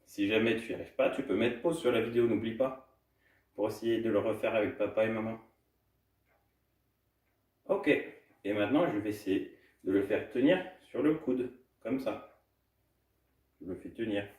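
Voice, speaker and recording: A man's voice: fairly low pitch, moderate pace, pauses often, darkish tone. A man coaching a baby gym session for small children at home, talking in a cheerful, sing-song way while he demonstrates the moves. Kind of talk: instructional talk to small children. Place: indoor room at home. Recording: echoey room, distant from mic.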